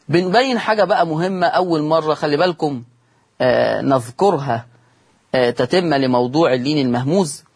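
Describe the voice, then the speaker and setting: A man with an Egyptian accent gives a recitation lesson for broadcast. His voice is fairly high and a bit husky. He keeps repeating his key points and answers his own questions. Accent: Egyptian Arabic. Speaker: Quran recitation teacher. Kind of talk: televised religious lesson. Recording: studio broadcast.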